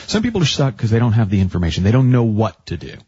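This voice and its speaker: A man's voice: lowish voice, sing-song, fast, dark tone, breathy edge, no echo, dull audio. A man hosting a call-in radio advice show, talking in a chatty, coaching way and often restarting his sentences. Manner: chatty, self-interrupting, coaching tone. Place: radio studio.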